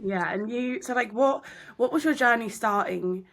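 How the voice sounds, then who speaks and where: Encouraging woman podcast host, bright-pitched. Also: moderate pace, gravelly. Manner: encouraging, many affirmations. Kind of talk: casual podcast chat.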